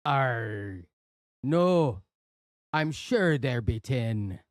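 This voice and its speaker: A man's voice: medium pitch, animated, drawn-out words, no echo, clean studio sound. Man putting on a growling pirate drawl. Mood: gruff. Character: gruff male pirate telling a pun.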